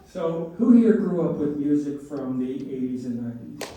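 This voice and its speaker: A middle-aged man performing stand-up comedy in setups and punchlines with pauses, to a laughing audience. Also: mid-range voice, animated, warm tone. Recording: roomy echoing live venue, distant mic, faint noise.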